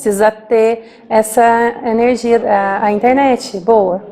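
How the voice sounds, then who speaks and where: A woman voicing a deaf speaker's talk aloud as a sign language interpreter, lively and acting out small scenes. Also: a little high. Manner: lively, acts out little scenes with quick asides. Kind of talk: live spoken interpretation of a talk.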